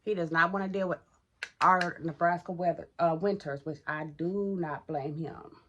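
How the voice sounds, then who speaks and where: A woman's voice: fairly low pitch, fairly even intonation, moderate pace, fairly bright tone, highs cut off, slight background noise. A middle-aged woman vlogging casually while getting ready, chatty and talking to viewers as y'all, in a groggy morning voice. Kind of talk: casual get-ready-with-me vlog.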